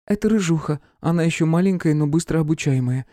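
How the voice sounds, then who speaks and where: A man voicing a young noblewoman, soothing and gently scolding toward her pet. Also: fairly high pitch, fast, no echo, studio quality, voice pushed up, lightly acted. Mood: protective.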